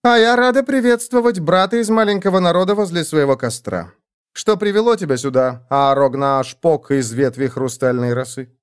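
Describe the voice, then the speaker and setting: Polite noble elf lady, read by a guy, formal and calm. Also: fairly high pitch, brisk, few pauses, smooth, no room sound, studio quality, natural voice. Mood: courteous. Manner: courteous, formal.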